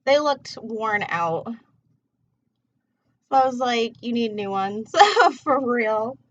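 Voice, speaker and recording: A woman's voice: a little high, no echo. Laid-back rambling woman smoking as she talks, muffled audio. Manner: laid-back, rambling, drawn-out slangy delivery; smoking while talking. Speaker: tarot reader hosting a livestream. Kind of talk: casual rambling livestream chat. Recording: dull, muffled lo-fi livestream audio.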